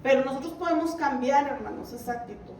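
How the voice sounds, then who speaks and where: A woman's voice: high-pitched, fast talker, darkish tone, slight background noise. A woman preaching a sermon, earnestly exhorting her congregation. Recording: roomy, distant mic.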